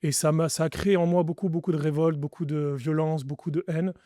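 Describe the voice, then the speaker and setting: A French man, a pastor, speaks in an earnest and reflective way, often restarting his sentences. His voice sits fairly high but sounds dark and mellow. The recording is dry and close, with no room sound. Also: steady tone, fairly quick, no echo. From France. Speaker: pastor, podcast guest. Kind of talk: testimony interview.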